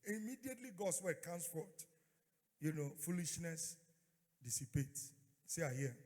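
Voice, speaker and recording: A man's voice: fairly high pitch, very animated, unhurried, a little mellow. Fiery male preacher in a reverberant hall. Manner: fiery, exhorting preacher delivery; repeats phrases and prompts the congregation to respond. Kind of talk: church sermon with call-and-response. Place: large echoing church hall.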